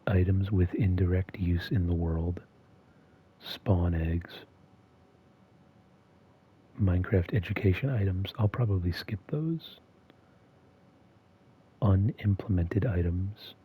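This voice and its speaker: A man hosting a video in a soft-spoken, half-monotone voice that is often whispered and slightly strained. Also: deep voice, measured pace, long pauses, breathy edge, phone-quality sound. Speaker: video host. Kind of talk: soft-spoken ASMR-style commentary.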